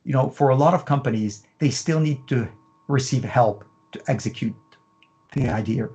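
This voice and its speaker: A middle-aged man with a dark, medium-pitched voice speaks at normal speed in an interview about his methods as a fashion business consultant. He tends to run through long lists, peppering them with "you know."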